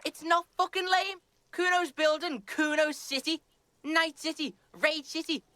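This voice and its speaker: A woman's voice: high-pitched, fairly even intonation, a little slow, sharp tone, no room sound. A woman voicing a swearing, hostile twelve-year-old boy who speaks of himself in the third person, in a video game. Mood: belligerent.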